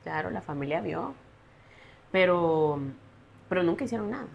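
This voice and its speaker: A young woman, telling her personal story as a podcast guest in an earnest, halting way. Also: lowish voice, lively intonation, creaky, darkish tone, slight background noise. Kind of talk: personal testimony in a podcast interview.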